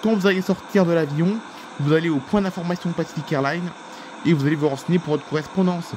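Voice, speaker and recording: A man's voice: a little high, fast, noisy background, close to an everyday voice. A man voicing an apologetic flight attendant in a homemade toy-figure film, stumbling over polite apologies. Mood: flustered.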